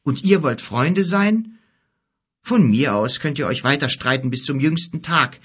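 A man's voice: a little high, animated, measured pace, fairly bright tone, slightly rough, pitched above the performer's own voice, heavily acted. A man voicing a small, uneasy male traveller who talks hesitantly and wryly. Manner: hesitant, wry, sighing.

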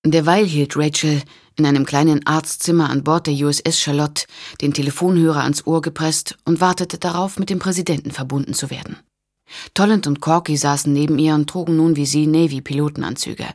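A woman narrating an audiobook thriller in an even, measured reading voice. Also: sits low. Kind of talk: scripted narration.

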